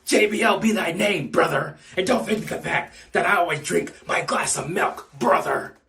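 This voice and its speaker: A fan performer cuts a parody wrestling promo, full of bluster and bravado and tossing "brother" and "dude" onto his lines. His high, bright, pushed voice has vocal fry and a moderate pace, recorded off-mic with roomy echo.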